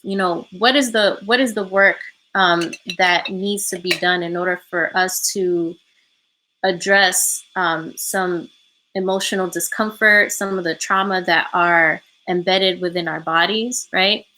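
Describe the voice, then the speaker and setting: A woman with a voice on the low side facilitates a reflective healing workshop remotely from her home, tending to say um a lot and to finish points with "right?". She keeps a steady tone and measured pace, sounding pushed and bright. The recording is rough.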